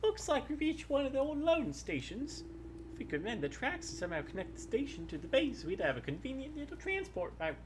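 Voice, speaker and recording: A chatty old prospector from a video game, acted out by a player, with a folksy drawl and very lively, swooping pitch. He is helpful and talkative, sitting higher than the player's own voice, over faint background noise. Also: a little fast. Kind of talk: reading game dialogue in character.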